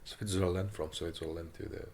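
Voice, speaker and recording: A man from Afghanistan, speaking halting with many hesitations as he gives personal testimony in an interview, recorded in an apartment. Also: low voice, steady tone, darkish tone. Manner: halting non-native English with frequent hesitations.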